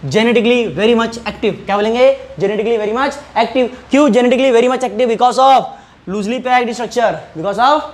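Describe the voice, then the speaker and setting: A male teacher giving an online class lecture. He asks questions, answers them himself, repeats key terms and keeps checking whether the class has understood. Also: sits high. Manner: checks understanding often with rhetorical prompts. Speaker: biology teacher.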